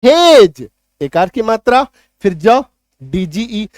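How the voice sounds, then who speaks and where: A man teaching an online spelling lesson in English, emphatic, slowly drawing out example words and checking often that students follow. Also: high voice, dry recording, clean studio sound. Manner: emphatic, repeats key points with rhetorical checks.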